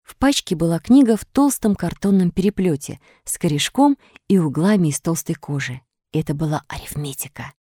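A woman narrating a children's storybook with animated, expressive delivery. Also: lowish voice, moderate pace, dry recording, clean studio sound.

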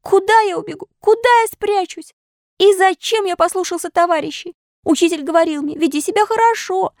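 A high, childlike wooden puppet boy, played by a woman reading a storybook, stubborn and cheeky. His voice squeaks far above an ordinary speaking voice and swings widely. The sound is dry and close. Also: animated, moderate pace, fairly bright tone, dry recording. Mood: wailing. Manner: high squeaky childlike voice, wailing when upset.

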